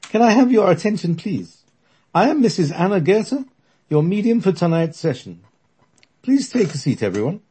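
Bossy old woman medium, loud and high, drawn-out calls, husky edge, voiced by a male storyteller. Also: sing-song, full character voice. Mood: commanding. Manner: commanding, calls out long drawn-out.

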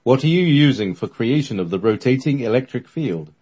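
An unworldly spirit voice bellows out stern questions and orders, put on by a man. The tone is dark and husky, and the words come in slow, lively swings. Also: medium pitch, voice pushed up.

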